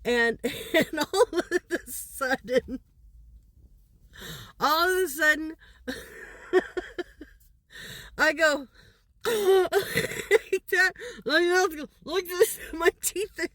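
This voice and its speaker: A woman's voice: high-pitched, extremely slow, long pauses, sharp tone, dry recording. An older woman, a grandmother, telling a funny story in a casual way and laughing all through it. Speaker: grandmother vlogger.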